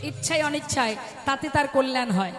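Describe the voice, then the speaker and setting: A woman's voice: high-pitched, expressive, fairly quick. A woman giving a devotional kirtan sermon, often putting questions to her audience and calling out chants. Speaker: kirtan preacher. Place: stage before a live audience. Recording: echoey hall with faint music.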